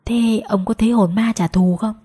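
A woman voicing a loud, boastful middle-aged village man in a spoken ghost story. Her voice is husky and emphatic. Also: medium pitch, steady tone, normal speed, lightly acted. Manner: raised, emphatic.

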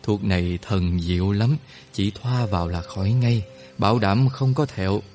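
A man voicing a calm, wise older male healer who explains things slowly and gently. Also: fairly low pitch, faint music behind, natural voice. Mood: serene. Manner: slow, gentle, instructive.

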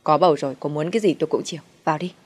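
A woman's voice: low-pitched, racing. A woman voicing a harsh, scheming middle-aged mother-in-law who scolds and commands. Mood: scolding.

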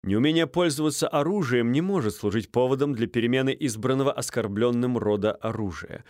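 A man reading a novel aloud as narrator, with an expressive delivery. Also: mid-range voice, fairly quick, dry recording, clean studio sound. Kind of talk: audiobook narration.

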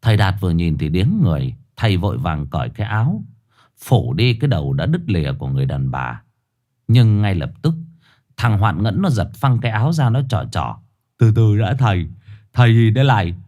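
A man tells a ghost story in a low voice, his pitch rising and falling with lots of life. His delivery is colloquial and vivid, the way a storyteller spins a yarn. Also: very animated, fairly quick, dark tone.

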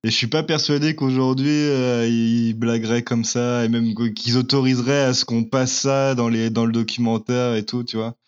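A man's voice: medium pitch, steady tone, moderate pace, few pauses, clear, resonant tone, highs cut off. A man co-hosting a podcast in casual chat, rambling and hesitant, restarting his sentences. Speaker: podcast co-host.

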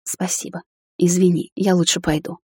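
A woman's voice: lowish voice, flat delivery, moderate pace, darkish tone, slightly rough, no echo. Woman voicing a defiant young witch. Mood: flustered. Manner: emotional, defiant dialogue. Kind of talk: audiobook character voice.

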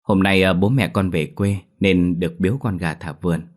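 A man voicing a polite, gentle young daughter-in-law in a ghost story. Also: sits low, steady tone, normal speed.

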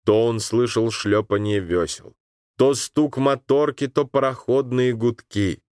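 A man narrating a literary story in an expressive audiobook reading. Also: mid-range voice, unhurried, no room sound, clean studio sound.

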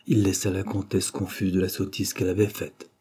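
A man narrates a novel as an audiobook, reading in a measured, steady way. His voice is low and dark with a husky texture.

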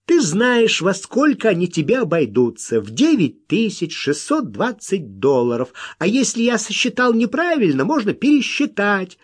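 Smoke, a man doing a calm, shrewd prospector. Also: sits high, moderate pace, few pauses, slightly rough, pitched above the performer's own voice, exaggerated voice. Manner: calm, curt.

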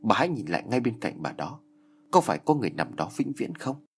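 A man doing a calm, stern old boatman. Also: on the low side, quick pace, a little hiss or hum. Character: calm, mournful old boatman judging a killer.

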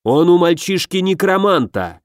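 A man voicing a frightened, scheming dog-headed junior mystic who pleads in a hurried, raised voice. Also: high-pitched, sing-song, dry recording, clean studio sound, pitched above the performer's own voice. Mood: pleading.

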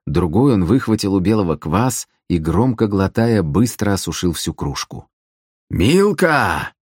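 A man reads a fantasy audiobook in a measured, even way. His voice is deep and low. The recording is dry and close, with no room sound. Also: breathy edge, no echo. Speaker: audiobook narrator.

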